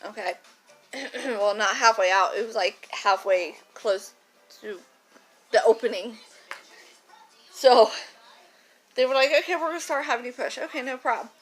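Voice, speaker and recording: A woman's voice: a little high, unhurried, pauses often, fairly bright tone, faint music behind, poor audio. A young woman telling a personal story casually to her phone camera, chatty and frank, rambling with fillers and the odd swear word.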